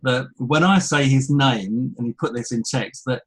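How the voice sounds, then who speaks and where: A man from England with an English accent, hosting a live webinar and chattily reading out attendees' names with quick asides. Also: mid-range voice, slightly rough, poor audio. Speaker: webinar host. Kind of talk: casual live webinar welcome. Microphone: headphones with mic.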